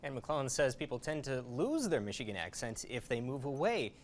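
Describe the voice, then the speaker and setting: A man reporting live for the news in a friendly, animated way. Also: mid-range voice, a little fast. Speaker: field reporter.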